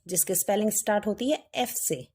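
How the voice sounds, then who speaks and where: A woman's voice: mid-range voice, fairly quick, a little mellow, breathy edge. A woman teacher patiently walking students through a workbook exercise step by step, asking rhetorical questions. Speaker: English teacher.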